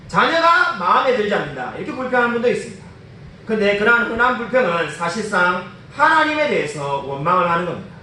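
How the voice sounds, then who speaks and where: In a church sanctuary, a pastor with a high, sharp voice preaches emphatically, asking many rhetorical questions. The distant mic picks up church echo and a little hiss or hum.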